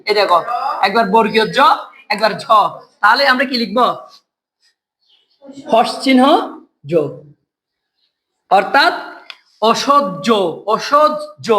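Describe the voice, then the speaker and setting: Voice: medium pitch, bright, forceful tone, low-quality recording. A teacher giving an exam-prep lesson, asking the class questions and answering them right away. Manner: quizzes students, asks and answers own questions. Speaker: Bengali grammar teacher.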